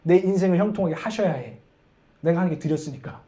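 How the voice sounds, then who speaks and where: A resentful farmer grumbles that his due has not come, voiced by a male preacher in a sermon. The voice is high yet warm. He is bitter and full of complaint. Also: fast talker, lightly acted. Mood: smug. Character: Cain, resentful older brother and farmer.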